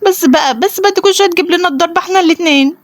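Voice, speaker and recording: Young woman playing a bossy Egyptian older sister, high and rapid-fire, squabbling, casual toy play. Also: no room sound. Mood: bickering. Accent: Egyptian Arabic. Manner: bossy, quick bickering. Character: bossy older sister bickering with her brother. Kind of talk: playful toy role-play voicing.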